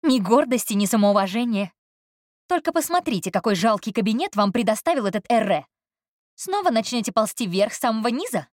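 Audiobook role: shrill demanding heiress played by a woman, high strained pitch, close dry sound. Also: big pitch swings, fairly quick, no echo. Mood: indignant. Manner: high, strained, raising her voice. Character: spoiled indignant young heiress, shrill and demanding. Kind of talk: audiobook character voice.

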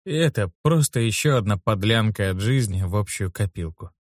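A man reading a first-person audiobook in a steady, wry storytelling manner on a close studio mic. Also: on the low side, moderate pace, no echo. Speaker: audiobook narrator.

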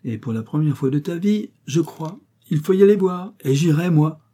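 A man voicing a sly, cheerful seventy-year-old miller who talks in a lively, mocking way. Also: mid-range voice, moderate pace, close to an everyday voice.

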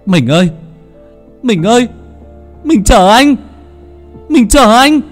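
Guy playing a broken-hearted young husband, sobbing, voice cracking high, swings all over. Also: very animated, takes it slowly, soft background music, full character voice. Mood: anguished. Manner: wailing, sobbing, strained high cries. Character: grief-stricken young husband, desperate and anguished.

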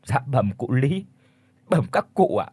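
A man's voice: mid-range voice, sing-song, unhurried, a little mellow, husky, no room sound. A man voicing a frightened young pregnant village woman who stammers as she pleads. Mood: pleading.

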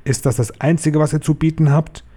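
A man's voice: on the high side, steady tone, dark tone, slightly rough, voice pushed up. A man doing a shrieking tyrant witch queen. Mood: scornful rage. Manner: screeching, spitting scorn, slow menacing emphasis. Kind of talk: storybook reading aloud.

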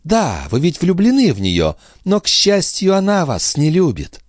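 A man's voice: mid-range voice, sing-song, normal speed, no echo, clean studio sound, pitched above the performer's own voice. A man voicing an indignant young maid who threatens and reproaches, in an audiobook. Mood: threatening. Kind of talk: audiobook character reading.

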